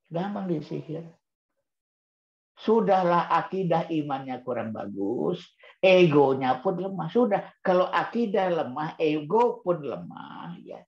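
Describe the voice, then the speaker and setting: A man's voice: fairly high pitch, a little mellow. A man giving an Islamic parenting talk to parents, asking rhetorical questions and answering them himself, and repeating key words for emphasis. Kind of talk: book-review talk to parents. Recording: roomy dull-sounding recording.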